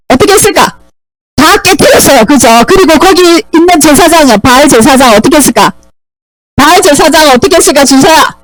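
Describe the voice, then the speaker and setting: A woman's voice: high-pitched, no room sound, low-quality recording. A woman teaching Sunday school, animatedly telling a Bible story and quizzing the children.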